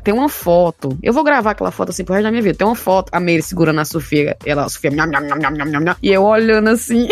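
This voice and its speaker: A woman in casual chat, telling a story with lively animation and acting out the voices she quotes. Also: lowish voice, fast, few pauses.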